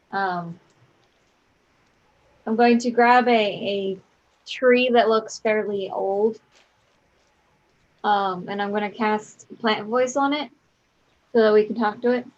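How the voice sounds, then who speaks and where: Higher-voiced woman playing a tabletop game. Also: dull audio. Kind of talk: casual game chat.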